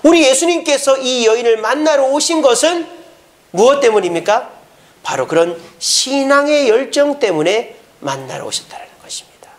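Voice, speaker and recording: A man preaching a sermon as pastor, humorous and animated, asking the congregation rhetorical questions and chuckling between points. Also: extremely high pitch, normal speed.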